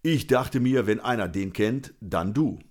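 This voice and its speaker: Seasoned street cop, relaxed and good-humored, firm underneath , read by a male narrator. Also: lowish voice, a little slow. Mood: matter-of-fact. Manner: good-natured, calm, matter-of-fact. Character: older easygoing police officer, good-natured but tough.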